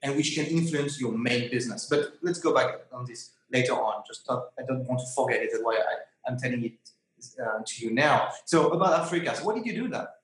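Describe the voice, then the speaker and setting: A man hosts a conversational interview in an echoey recording. His voice is medium in pitch. He speaks haltingly and keeps rephrasing his thoughts. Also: animated. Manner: halting, rephrases questions repeatedly. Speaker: interview host. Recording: echoey, roomy sound.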